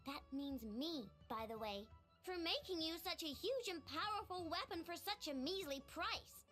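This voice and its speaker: An actress voicing an excitable, snack-loving young female inventor in a game, chatty and boastful, stammering when flustered. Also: very high-pitched, moderate pace. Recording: game audio with music behind.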